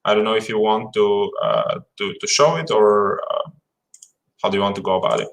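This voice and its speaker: A man's voice: lowish voice, very animated, moderate pace, vocal fry, rough recording. A man in his thirties from Bulgaria, a guest on a casual livestream talk, speaking politely with many fillers and restarts over a video call.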